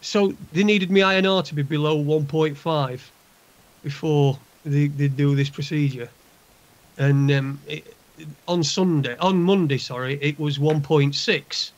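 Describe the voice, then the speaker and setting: A lo-fi internet call carries a gruff man with a Northern English accent. He sounds under the weather and speaks in a fairly high register, venting in blunt, sweary, casual talk. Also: steady tone, a little slow. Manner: heavy swearing, blunt, aggrieved. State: unwell, recovering from a hospital procedure. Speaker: guest calling in.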